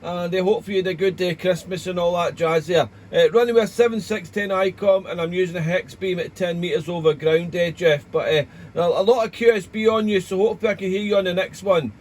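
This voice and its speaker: A man's voice: high voice, steady tone, quick pace, hardly any pauses, darkish tone. A man speaking as an amateur radio operator in a chatty, rambling, courteous way, with call signs and radio procedure words. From Wales, United Kingdom. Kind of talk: casual ham radio contact with call signs.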